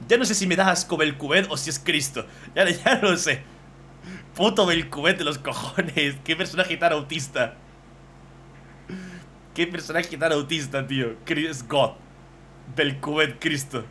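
A man, casually commentating on fan drawings as a streamer, excitable and swearing freely. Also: fairly high pitch, slight background noise.

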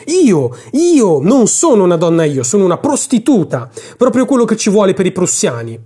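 A man's voice: very high-pitched, expressive, fairly quick, darkish tone, voice pushed up. A man voicing a defiant, indignant young woman who answers back vehemently, in a storybook reading.

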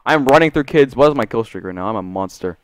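A young man with a clear, mid-pitched voice recorded close and dry. He talks like a slangy gamer bro over his gameplay, casual and sweary, moving between low mutters and hyped bursts. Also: fast talker, no room sound. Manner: slangy gamer bro talk, full of "dude" and "bro"; swings between muttering and excited shouts. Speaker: gaming video creator. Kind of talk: casual, profane video game commentary.

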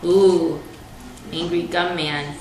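A woman playing a board game with her small child at home, praising and guiding them in a slow, sing-song way. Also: lowish voice, fairly even intonation, reverberant. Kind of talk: patient, encouraging talk to a toddler.

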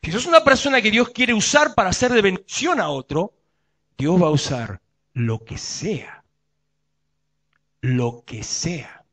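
Male pastor, Rioplatense accent, lively sermon delivery with a bright, forceful tone. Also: sits high. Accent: Rioplatense Spanish. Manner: preaching with rhetorical questions to the congregation.

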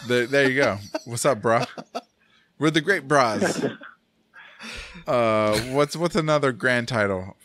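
A man hosts a loose, casual podcast, laughing often and tripping over his words. His voice is mid-pitched. It sounds close and dry. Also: takes it slowly, long pauses, fairly bright tone, dry recording. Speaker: podcast host. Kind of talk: casual chat.

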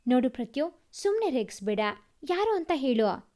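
A woman's voice: high-pitched, big pitch swings, normal speed, dark tone. A woman voicing an impatient, eager young man in a told story. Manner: pushy, impatient.

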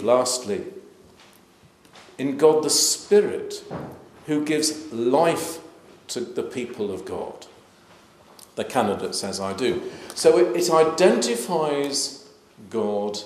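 A clergyman, giving a measured, emphatic talk at an interfaith event. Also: mid-range voice. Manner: measured, emphatic, gesturing while speaking. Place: large plain hall. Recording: echoey hall.

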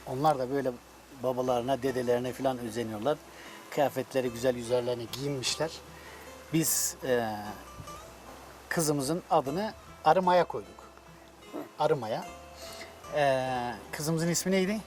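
A man's voice: mid-range voice, a little slow, pauses often, darkish tone. A man hosting a casual interview, chatty and given to teasing his guests. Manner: teasing, jokey. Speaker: host interviewer. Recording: clear music behind the voice.

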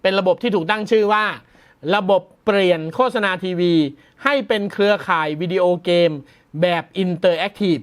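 A man's voice: high-pitched, steady tone, moderate pace, smooth. A man hosting a tech news show, commenting in a chatty, amused way and laughing often as he reacts to the story.

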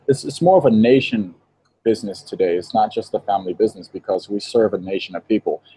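A young man from Israel, a guest on a video call interview, telling his story in a relaxed way with light laughs, speaking into an earphone mic in a shop. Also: on the low side, slightly rough, low-quality recording. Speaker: interview guest, vegan baker. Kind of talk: casual interview. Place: indoor shop with green wall. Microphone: earphone headset on video call.

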